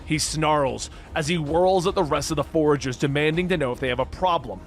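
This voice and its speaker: A man narrating a comic book story in a steady, dramatic storytelling manner. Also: on the high side, quick pace. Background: faint music.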